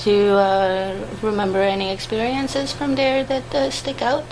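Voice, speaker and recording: A woman conducting an oral history interview, asking her questions hesitantly with many pauses and fillers. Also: fairly high pitch, flat delivery, noisy background.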